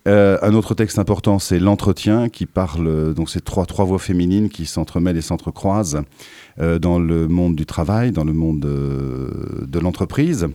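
A man's voice: sits low, normal speed, dark tone, dry recording. A man speaking as a guest on a radio interview, articulate and enthusiastic but with fillers. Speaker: radio guest, university theatre organiser.

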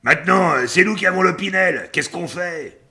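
A man's voice: sits high, animated, moderate pace, pushed and bright, full character voice. A man playing a sly, mock-reassuring escapee in a comic radio drama. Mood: alarmed.

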